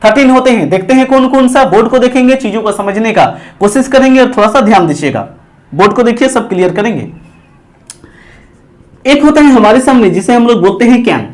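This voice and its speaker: A man with a very high voice teaching grammar at a classroom board. He repeats each point and asks his students questions, answering them himself in call-and-response. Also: animated, brisk. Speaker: English teacher.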